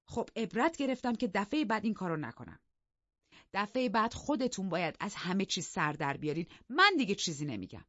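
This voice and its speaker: A woman's voice: mid-range voice, big pitch swings, a bit bright, dry recording, highs cut off, pitched above the performer's own voice. A woman voicing an indignant old-fashioned housekeeper. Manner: defensive, pleading. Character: defensive middle-aged housekeeper, blunt and indignant.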